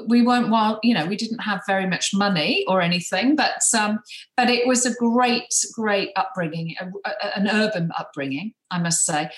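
A woman's voice: mid-range voice, roomy sound, poor audio. A woman in her fifties from the English Midlands, a guest in a podcast interview, chatty and hesitant with many ums. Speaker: guest, beauty brand founder.

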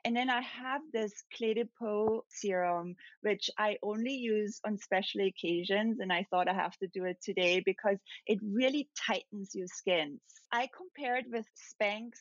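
A woman's voice: mid-range voice, moderate pace, hardly any pauses, dry recording. A woman from Austria, a makeup artist, chatting casually on a podcast and laughing often. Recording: dull dry remote mic sound.

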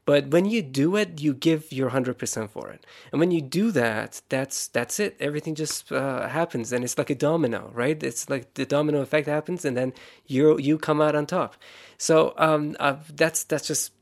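A man's voice: a little high, moderate pace, vocal fry. A man hosting a podcast interview, easygoing and hesitant, with many fillers. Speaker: podcast host. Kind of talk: casual interview.

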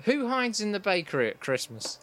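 A man's voice: high voice, very animated, brisk, a bit bright. A man with a Northern English accent, making dry jokey quips in a comedic casual chat as podcast co-host.

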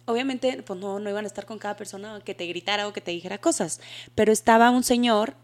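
A woman with a Mexican accent co-hosting a podcast, telling personal stories in lively, slangy casual chat. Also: mid-range voice, fast. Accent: Mexican Spanish. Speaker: podcast co-host.

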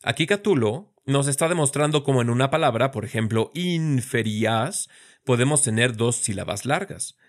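A man explaining in a clear, steady voice at a middle pitch. He slows right down to pronounce words syllable by syllable, and now and then drops in a lightly humorous remark. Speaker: teacher. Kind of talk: scripted educational explanation.

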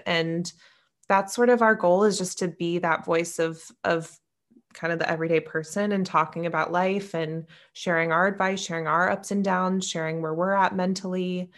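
A young woman from California, co-hosting a podcast in a chatty, enthusiastic way. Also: lowish voice. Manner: chatty, enthusiastic, quick to laugh. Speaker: podcast co-host. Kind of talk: casual chat.

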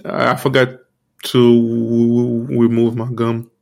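A man giving an earnest, informal sermon, repeating himself often and filling pauses with "you know". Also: mid-range voice, monotone, vocal fry, a little mellow. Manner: earnest, repetitive, many fillers like "you know". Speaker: preacher.

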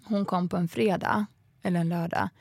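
A woman's voice: on the low side, vocal fry, slightly rough, dry recording. A woman in her thirties chatting casually, telling a personal story with lots of filler phrases and acting out what people said. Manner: animated storyteller who acts out quoted dialogue.

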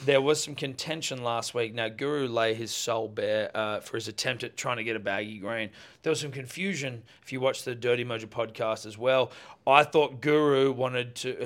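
A man hosting a casual podcast, telling stories with lively asides. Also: mid-range voice. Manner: animated, storytelling with asides. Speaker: podcast host. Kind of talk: casual banter.

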